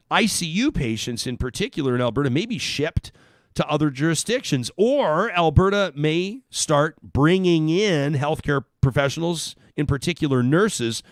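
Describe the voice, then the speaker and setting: Animated Canadian male talk host. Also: a little high, no room sound, clean studio sound. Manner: animated, sarcastic, swears casually. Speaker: radio host. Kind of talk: opinionated talk radio monologue.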